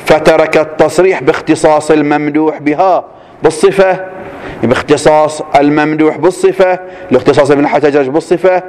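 A man teaching a class, reading a text slowly and then explaining it with quick questions to his students. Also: on the high side, a little mellow, slight background noise.

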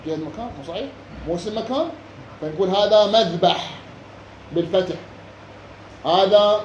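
A man with an Iraqi Arabic accent teaching a classroom lesson, reading a passage slowly, then explaining it and quizzing his students. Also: sits high, a little mellow, muffled recording. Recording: echoey room with faint background noise.

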